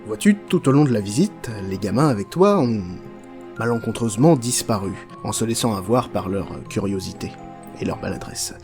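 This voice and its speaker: A man's voice: lowish voice, lively intonation, moderate pace, music in the background. A man playing a crude, unhinged chocolate factory owner, rambling, swearing and mocking in a comic parody.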